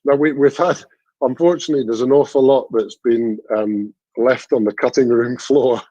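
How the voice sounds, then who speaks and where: A man chatting on a charity livestream, halting and full of dry self-deprecating humour. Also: medium pitch, warm tone, no room sound, muffled recording. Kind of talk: casual video-call chat.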